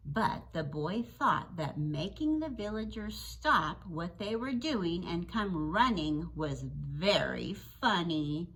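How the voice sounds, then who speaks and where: A woman reads a children's story aloud, her voice bright and a little sharp. Her pitch leaps and dips in a lively sing-song, and she takes her time, unhurried and deliberate, like a teacher speaking to young children. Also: a little hiss or hum, rough recording.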